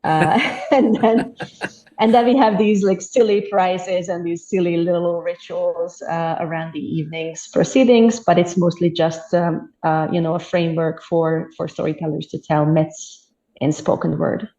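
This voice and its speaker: A Hungarian woman, a native Hungarian speaker, chats as a storyteller guest in a casual interview, her voice low, mellow and steady at a slightly slow pace. She is thoughtful, laughs easily and restarts sentences midway. The lo-fi recording has a roomy sound.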